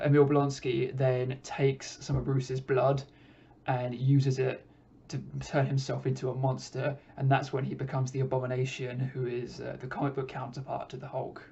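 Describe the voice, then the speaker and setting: Male podcast host, casual review monologue, mellow tone, dull lo-fi sound. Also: medium pitch, vocal fry. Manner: relaxed, conversational, hesitant with frequent "uh". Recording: dull lo-fi recording.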